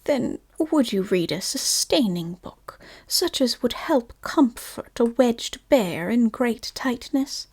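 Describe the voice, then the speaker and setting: A woman voicing a gentle, simple-minded male teddy bear in whispered role-play, slow and plaintive. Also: a little high, animated, husky, full character voice. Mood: gloomy.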